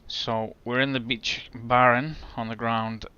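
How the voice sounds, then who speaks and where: A man's voice: mid-range voice, little pitch movement, measured pace, pushed and bright, smooth, muffled recording. A man giving casual, chatty commentary as he sets up a flight in a simulator, thinking aloud as he goes. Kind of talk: casual commentary while gaming.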